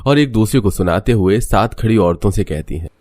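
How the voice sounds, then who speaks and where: A man narrating a cartoon story in a steady, scripted storytelling voice. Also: on the low side, brisk, dry recording.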